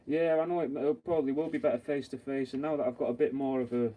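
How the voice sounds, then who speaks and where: A young taxidermist with a medium-pitched, fairly even voice talks fast as he works, chatting bluntly, rambling, and swearing often. The audio is narrow and tinny, captured by a distant mic with faint background noise.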